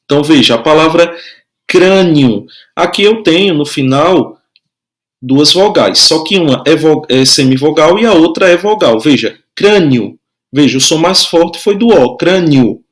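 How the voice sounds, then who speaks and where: Man, teacher, slightly high-pitched, patient, explanatory, checks in with students. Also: lively intonation, moderate pace. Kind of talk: recorded grammar lesson.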